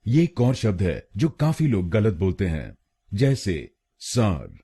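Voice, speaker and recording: Male pronunciation tutor from India, husky low voice, lively pitch, very slow careful repetition. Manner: slow, drawn-out repetition of words. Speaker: pronunciation teacher. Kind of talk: slow instructional explanation.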